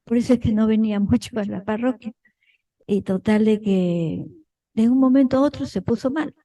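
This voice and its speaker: Mellow-voiced woman telling a personal story. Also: fairly high pitch, normal speed, poor audio. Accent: Peruvian Spanish. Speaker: parishioner sharing a story. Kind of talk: personal account in a group.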